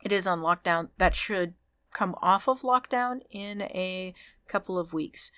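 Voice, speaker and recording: A woman hosting her own podcast, chatting casually and upbeat through thanks and shout-outs, with ums and restarts. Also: on the low side, a little slow, no room sound, clean studio sound. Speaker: podcast host.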